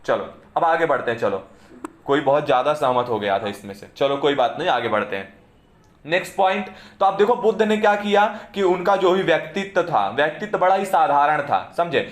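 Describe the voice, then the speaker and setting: A man's voice: a little high, animated, fairly quick, roomy sound. A man teaching a class in speech, explaining points and often checking whether the students understand. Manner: keeps asking students "समझे?" to check understanding. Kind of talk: classroom lecture.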